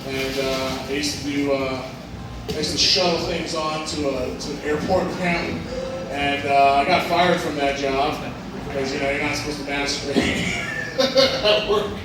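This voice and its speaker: A man's voice: fairly high pitch, unhurried, background noise. A man doing a crude, rambling stand-up set on a club stage, laughing at his own jokes. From Hawaii. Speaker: stand-up comedian. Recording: echoey club from a distance, crowd.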